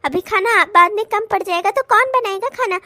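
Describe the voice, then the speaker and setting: A woman's voice: very high voice, brisk, sharp tone, dry recording. A woman voicing a fed-up young working wife who scolds sharply in a cartoon comedy. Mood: scolding. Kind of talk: cartoon voice acting.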